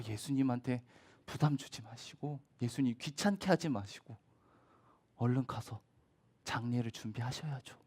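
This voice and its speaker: A man voicing a messenger who quietly brings news of a daughter's death. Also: mid-range voice, natural voice. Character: hurried male messenger with bad news.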